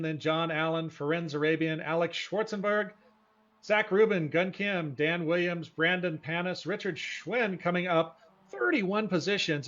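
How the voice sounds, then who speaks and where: A man's voice: fairly high pitch, fairly bright tone. A man hosting a live sim racing broadcast and commentating in an informal, folksy, enthusiastic way. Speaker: race broadcast host and commentator. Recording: dull lo-fi broadcast audio.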